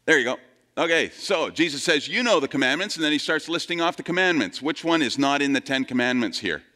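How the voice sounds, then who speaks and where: A male pastor gives a brisk sermon with a lively, swooping pitch. He keeps it conversational, puts questions to the congregation, and performs the voices he quotes with big jumps up and down.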